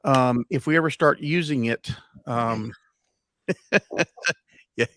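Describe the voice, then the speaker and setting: A man's voice: mid-range voice, slow pace, fairly bright tone. A man in casual podcast chat, telling stories with many fillers and restarts. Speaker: guest.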